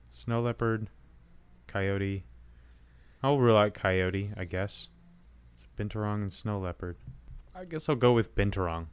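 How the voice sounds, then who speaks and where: Low-voiced man guessing in a casual chat. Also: clean tone, dry recording. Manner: hesitant, thinks aloud with fillers and restarts. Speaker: co-host. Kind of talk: casual podcast quiz chat.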